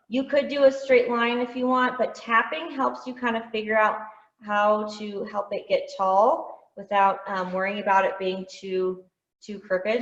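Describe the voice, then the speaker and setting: A woman's voice: mid-range voice, a bit bright. A woman teaching a step-by-step painting lesson over a video call, chatty, with lots of "um" fillers and light self-teasing. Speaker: painting instructor. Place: art studio. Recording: roomy lo-fi video call audio.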